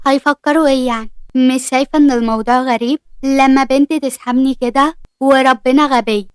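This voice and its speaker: Grumpy Egyptian teenage boy, curt retorts, quick delivery, dry close sound; a woman voices him. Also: high voice, fairly even intonation, clean tone, dry recording, lightly acted. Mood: annoyed. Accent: Egyptian Arabic.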